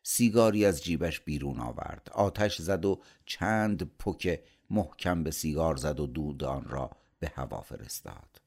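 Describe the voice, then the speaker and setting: A man's voice: very deep voice, animated, hardly any pauses, a little mellow, slightly rough. A man reading a novel aloud as an audiobook narrator, voicing the dialogue in his own voice.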